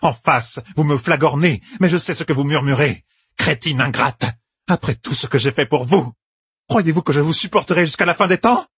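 A man voicing a furious, tyrannical older woman ruler in an audiobook, haughty and shouting. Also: a little high, animated, fairly quick, husky, no echo, pitched above the performer's own voice, full character voice. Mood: enraged.

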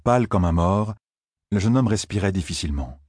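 A man narrating a fantasy audiobook in a steady, measured storytelling voice. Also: sits low, husky, no echo, clean studio sound.

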